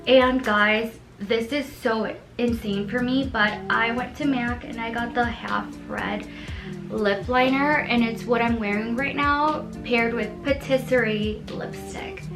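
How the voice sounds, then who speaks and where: In an echoey room with music clearly audible behind her, a bubbly woman in her twenties talks through a beauty haul as a vlogger, gushing and giggling often. Her voice is slightly high and she speaks slowly, in no rush, with an excitable, casual, chatty manner.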